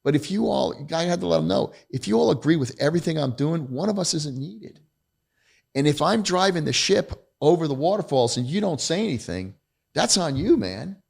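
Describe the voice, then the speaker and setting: A man's voice: a little high, expressive, a little fast, gravelly, a little mellow, husky. A middle-aged man, a podcast guest, telling stories from his career in a blunt, emphatic, self-deprecating way. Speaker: podcast guest, retired federal agent. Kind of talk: candid conversational storytelling.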